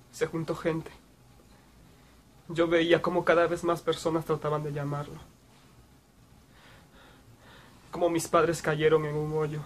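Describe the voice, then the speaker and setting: Casting: male actor playing guilt-ridden young man, high voice, sorrowful, anguished, halting delivery, dramatic monologue. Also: slight background noise, lightly acted. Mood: grieving. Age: young adult. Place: small room, indoors.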